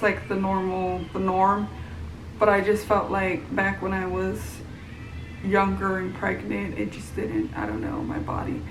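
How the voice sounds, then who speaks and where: A woman's voice: mid-range voice, noisy background. Tired pregnant lady rambling on at home, roomy sound, kinda far from the mic. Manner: rambling, many fillers and restarts. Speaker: vlogger. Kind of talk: casual pregnancy update vlog. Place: at home, room with echo.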